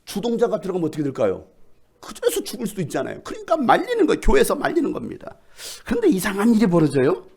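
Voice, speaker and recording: Male pastor, animated sermon, high voice, gravelly edge. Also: racing. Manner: animated, shouts and jokes with the congregation. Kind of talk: lively sermon. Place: church sanctuary.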